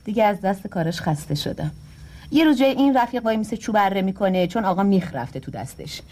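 A woman's voice: medium pitch, animated, a little mellow. An actress playing a frustrated housewife who complains that her husband neglects her. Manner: complaining, exasperated. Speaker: wife. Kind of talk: comedy drama acting.

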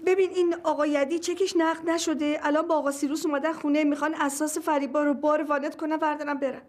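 Give me an actress playing a worried middle-aged mother in a TV drama. She is high-voiced, insistent and fretful, and quick to refuse help. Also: little pitch movement, lightly acted. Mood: urgent.

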